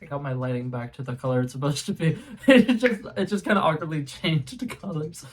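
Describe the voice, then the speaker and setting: With slight background noise, a young New England man speaks briskly at a fairly high pitch while hosting a home taste-test vlog for YouTube. He's chatty and meandering, often saying um and restarting, in a room with a color-changing globe light.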